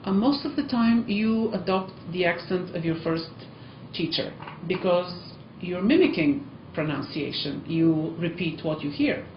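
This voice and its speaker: With an animated yet measured delivery and a lowish voice, the woman encourages learners in a casual vlog, hesitating often with ums and uhs. She teaches at a language school and has an Eastern European accent, and a slight hiss or hum sits under the muffled, echoey room sound.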